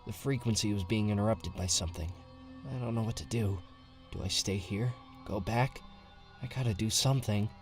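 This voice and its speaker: An actor playing a nervous young male survivor, narrating an audio drama in the first person with tense, hushed storytelling. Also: lowish voice, moderate pace, faint music behind, natural voice. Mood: uneasy.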